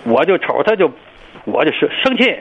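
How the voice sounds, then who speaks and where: An older man in his sixties with a Tianjin accent and a gravelly, somewhat high voice, stumbling and restarting as he explains his trouble. He comes through a dull, lo-fi call line. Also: big pitch swings. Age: 60s. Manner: halting, stammering complaint. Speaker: caller. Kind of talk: phone-in call.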